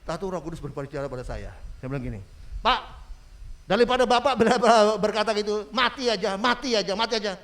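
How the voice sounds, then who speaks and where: A man preaching a sermon in a church service, fervent and repetitive, rising to shouts for emphasis. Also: high voice, expressive, a little fast.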